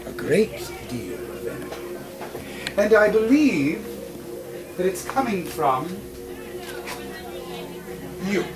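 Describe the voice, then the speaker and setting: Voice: medium pitch, sing-song, music in the background. A grand, mysterious wizard wandmaker. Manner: theatrical, drawn-out dramatic pauses, audience-addressing. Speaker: live show performer. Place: live venue with an audience. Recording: distant live recording with loud room noise.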